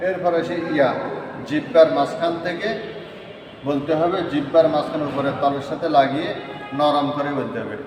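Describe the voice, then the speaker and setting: A man's voice: a little high, normal speed, noisy background. A man teaching Quran letter pronunciation in a lesson. He goes step by step and repeats each letter three times. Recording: echoey hall from far off.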